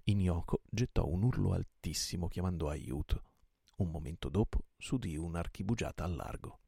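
Deep gravelly man reading a novel aloud. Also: moderate pace, no echo, studio quality. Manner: lively, dramatic narration. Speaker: audiobook reader. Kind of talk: night-time novel reading.

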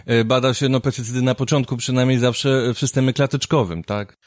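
A man's voice: mid-range voice, fairly even intonation, brisk, dry recording, studio quality. A man hosting an interview, asking questions casually and hesitantly, with many fillers. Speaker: interviewer, host. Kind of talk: interview conversation.

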